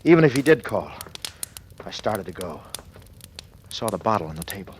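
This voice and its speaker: In a noisy old-time radio recording, an actor voices a desperate, panicked businessman recounting his ordeal in clipped, urgent lines, 1940s thriller style. His fairly low voice swings widely in pitch at a moderate pace, full of anxious dread.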